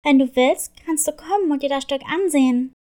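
A woman's voice: sits high, brisk, warm tone, natural voice. A woman voicing a kind, eager little girl kitten in a children's story. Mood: sweet. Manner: sweet, earnest, eager. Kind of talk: storybook reading.

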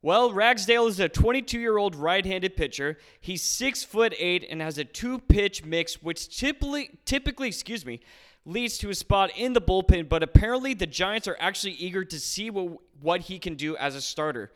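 A man's voice: high-pitched, expressive, moderate pace. A man hosting a solo sports podcast from a garage, speaking to listeners in an upbeat, announcer-like way through scripted commentary. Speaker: podcast host. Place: recorded in a garage.

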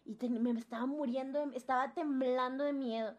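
A woman's voice: high-pitched, a little fast, lo-fi sound. A young woman with a Mexican accent, telling a personal story in casual chat and acting out the voices of the people in it. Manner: animated storytelling, acts out quoted voices.

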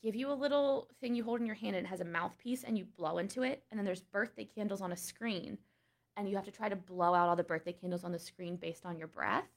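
A woman in her twenties, a podcast guest, chatting casually and telling animated, giggly stories. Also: mid-range voice, quick pace, gravelly. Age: 20s. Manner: animated storyteller, giggly, says "like" a lot. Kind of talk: casual chat.

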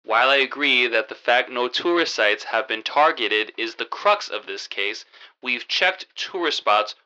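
Woman as low-voiced, earnest detective sidekick Wally. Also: animated, unhurried, bright, forceful tone, heavily acted, low-quality recording. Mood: puzzled, earnest. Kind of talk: comic radio drama acting.

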